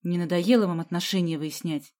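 A woman's voice: medium pitch, fairly quick, mellow, close to an everyday voice. A woman voicing a serious teenage girl who leads her friends and speaks in a gloomy, curt way. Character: serious, strict teenage girl Galya, group leader.

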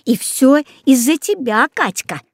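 A woman's voice: on the high side, animated, a little slow, a little mellow, dry recording, clean studio sound. A woman voicing an outspoken, loyal schoolgirl friend in a storybook. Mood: earnest. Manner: indignant, then whispering.

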